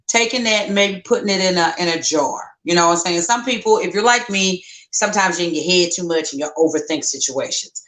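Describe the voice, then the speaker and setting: Woman in her fifties, podcast co-host, folksy and self-deprecating, lowish voice, echoey room. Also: brisk, hardly any pauses, fairly bright tone. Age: 50s. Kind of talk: casual podcast chat. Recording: roomy echo.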